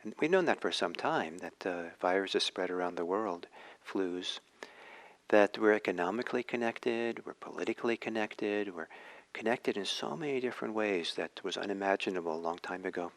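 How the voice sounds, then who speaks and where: Man, fairly low voice, dharma talk, reflective, halting restarts. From Norway. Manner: reflective, unhurried, with many pauses and restarts. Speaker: meditation teacher.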